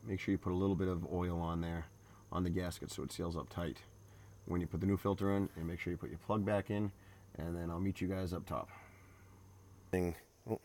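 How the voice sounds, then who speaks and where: Low, mellow-voiced man rambling through a how-to. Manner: rambling, folksy, opinionated with many fillers. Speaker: DIY car maintenance vlogger. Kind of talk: casual how-to narration. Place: garage, working on a truck.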